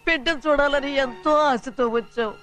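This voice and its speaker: A woman's voice: sits high, moderate pace, music in the background, natural voice. A woman playing a tender old village mother. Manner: pleading, affectionate, rustic speech. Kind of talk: film dialogue.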